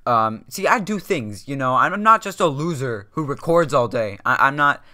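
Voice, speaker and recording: A young man vlogging from a dark room at home into a desk mic, rambling, joking and correcting himself constantly. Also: medium pitch, animated, moderate pace, no echo, studio quality. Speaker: YouTuber. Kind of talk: rambling self-deprecating vlog.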